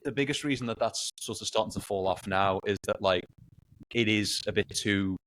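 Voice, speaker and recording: A man in casual podcast chat, talking in a relaxed, rambling way with lots of fillers. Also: fairly low pitch, normal speed, slight background noise, low-quality recording. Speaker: podcast guest.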